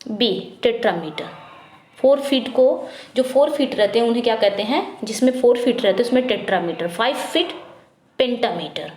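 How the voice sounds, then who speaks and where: Woman teacher going over exam questions, slow reading then fast explaining, kinda high voice, echoey room. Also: expressive, a little mellow, a little hiss or hum. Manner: reads English questions slowly, explains quickly in Hindi; repetitive drilling, asks then answers herself. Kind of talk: Hindi-English exam prep lesson.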